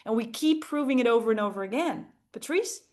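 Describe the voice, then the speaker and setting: A woman with a slightly high, darkish voice coaches a group on public speaking, talking fairly quickly and with animation. She's enthusiastic and emphatic, often checking in with rhetorical questions during this interactive session.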